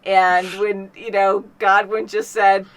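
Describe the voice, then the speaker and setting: A woman's voice: mid-range voice, flat delivery, slow. A woman hosting a movie reaction, chatting casually and rambling with many fillers. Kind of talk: casual chat.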